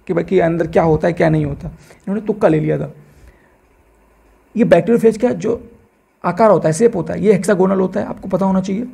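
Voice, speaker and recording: Male teacher, exam-prep biology lecture; fast, husky, raspy delivery, repeats terms and quizzes the class rhetorically. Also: high voice, mellow.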